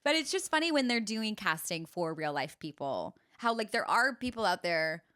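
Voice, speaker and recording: Young actress co-host, mid-range voice, chatty storyteller. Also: female voice, mid-range voice, very animated, moderate pace, bright, forceful tone. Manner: chatty, storytelling, self-mocking. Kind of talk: casual chat.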